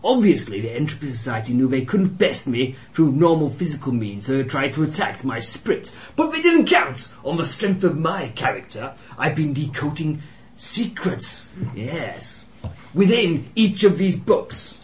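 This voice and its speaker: A man acts out a frenzied scholar in a tabletop role-play, secretive and grandly sure of himself. The voice sits a little high and rambles pompously, with some noise in the room. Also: big pitch swings, moderate pace. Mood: grandly obsessive. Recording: noisy room recording.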